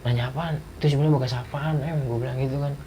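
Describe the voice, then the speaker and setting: A man's voice: mid-range voice, very fast, highs cut off, a little hiss or hum. A man casually telling a personal ghost story, acting out the dialogue in a slangy way. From Jakarta. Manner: animated retelling with acted dialogue, slangy. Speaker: guest storyteller.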